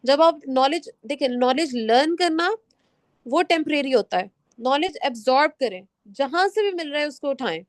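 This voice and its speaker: High-voiced Pakistani woman teaching English. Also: lively intonation, no room sound. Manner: switches between Urdu and English, reads slide points slowly and firmly. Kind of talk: online class lecture.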